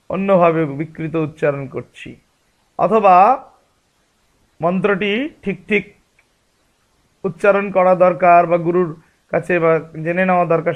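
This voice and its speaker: A man's voice: a little high, dull audio. A man giving a spiritual discourse as a religious teacher, explaining patiently and asking rhetorical questions.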